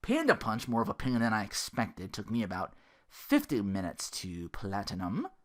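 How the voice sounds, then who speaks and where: A male podcast host with a fairly low voice, talking at a normal speed, gives casual gaming commentary that wanders. He keeps breaking into animated asides where he acts out small quotes.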